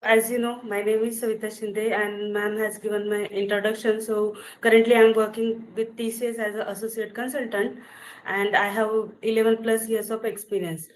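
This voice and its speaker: A woman's voice: medium pitch, little pitch movement, normal speed, poor audio. A woman, giving an interactive online lecture on a video call and often checking that her students can follow and hear her. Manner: inviting, checks the audience is following. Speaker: guest speaker, software trainer.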